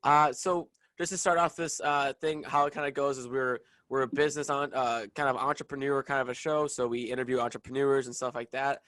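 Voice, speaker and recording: A young man hosting a podcast, upbeat but halting, with many fillers and restarts. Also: mid-range voice, steady tone, fairly bright tone, no room sound. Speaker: podcast host. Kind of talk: casual interview chat.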